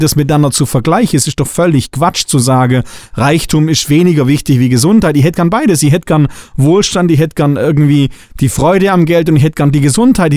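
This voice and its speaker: A slightly high, slightly mellow voice belongs to a middle-aged man from Swabia, Germany, who hosts a spiritual coaching podcast. Blunt and emphatic, he hammers his points home in an echo-free, clean studio recording.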